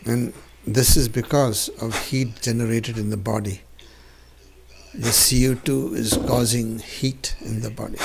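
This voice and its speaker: A man teaching yoga through spiritual instruction and personal anecdote, deliberate and emphatic, posing rhetorical questions. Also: mid-range voice, steady tone. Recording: clearly noisy recording with clicks.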